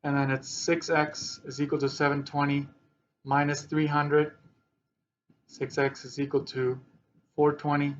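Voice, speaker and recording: A man's voice: a little high, flat delivery, highs cut off, a little hiss or hum. Man teaching a math lesson, thinking aloud. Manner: thinking aloud, slow and halting while working problems; dry, sarcastic asides.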